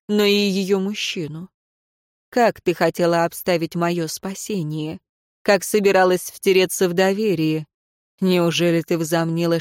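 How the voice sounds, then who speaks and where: A woman's voice: lowish voice, darkish tone, clean tone, no echo, studio quality, close to an everyday voice. Woman doing a scornful imprisoned nobleman. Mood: mocking. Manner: slow, cold, mocking.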